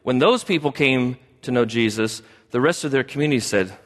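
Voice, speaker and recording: Pastor preaching in a reverberant hall. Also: male voice, medium pitch, expressive, a little fast, fairly bright tone. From United States. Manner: conversational preaching, often asks the congregation questions. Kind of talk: sermon.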